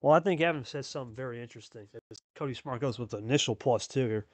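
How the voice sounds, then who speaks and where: A man hosts a card game match and calls the play-by-play in a casual, chatty style, repeating phrases for emphasis. His mid-range voice is fast. There's no room sound.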